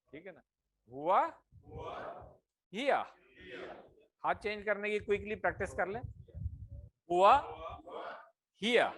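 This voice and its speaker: A man teaching a grammar class, drilling words slowly and often checking that his students follow. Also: sits high, fairly bright tone. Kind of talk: classroom lesson.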